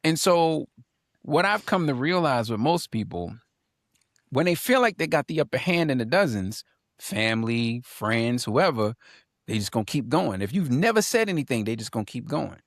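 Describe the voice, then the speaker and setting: A man's voice: medium pitch, sing-song, normal speed, no echo, studio quality. A man co-hosting a casual podcast panel, talking emphatically, repeating lines for punch and reading viewer comments aloud. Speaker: podcast co-host.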